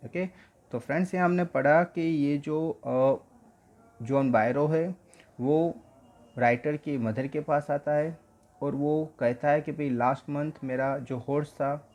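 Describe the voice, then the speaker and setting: A male teacher explaining an English story in Hindi, reading the English lines slowly and then explaining them in mixed Hindi and English. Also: fairly high pitch, a little mellow, a little hiss or hum.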